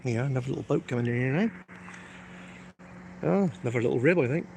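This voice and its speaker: A man's voice: medium pitch, expressive, fast talker, vocal fry, darkish tone, slight background noise. A man, live-streaming from his phone outdoors by the water, chatting casually with his viewers in a cheeky, joking, self-mocking way. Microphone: phone held in hand.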